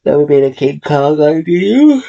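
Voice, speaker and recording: A man's voice: fairly high pitch, very animated, unhurried, gravelly, dark tone, dull audio. A man in his thirties chatting casually through his film collection late at night, tired and yawning, rambling and swearing now and then. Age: 30s. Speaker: collection vlogger.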